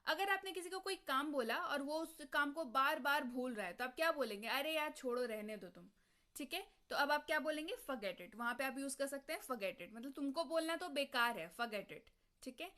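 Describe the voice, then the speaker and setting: A young woman teaching everyday English phrases in Hindi, saying each phrase slowly and twice, and asking the viewer questions before she answers them. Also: high voice, expressive, pushed and bright. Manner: slow, clearly drilled phrases repeated twice. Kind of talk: spoken English lesson in Hindi.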